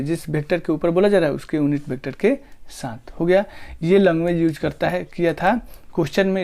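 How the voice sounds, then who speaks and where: In a classroom lecture, a physics teacher quizzes his students, posing rhetorical questions and then answering them himself. He dictates terms slowly, drawing them out. His voice sits high and sounds a little mellow.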